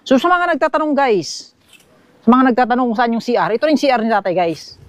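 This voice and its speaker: A man's voice: extremely high pitch, sing-song, quick pace, fairly bright tone, a little hiss or hum. A man with a Filipino accent giving a chatty walk-through of a small bamboo house outdoors, talking to his viewers while filming on a handheld action camera. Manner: chatty, keeps saying "guys", points things out. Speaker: vlogger giving a house tour. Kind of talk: casual walk-through vlog narration. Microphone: action camera held by the speaker.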